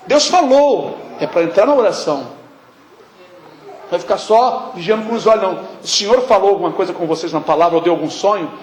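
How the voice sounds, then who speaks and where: A man's voice: high voice, a little hiss or hum. Man preaching in an echoey hall. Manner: conversational preaching, frequent tag questions, acted-out prayers. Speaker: pastor. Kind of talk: sermon. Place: church hall.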